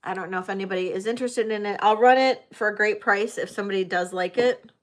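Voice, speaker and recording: A woman's voice: mid-range voice, fast. A middle-aged woman working as a casual auctioneer on a live sale, chatting and addressing bidders by name.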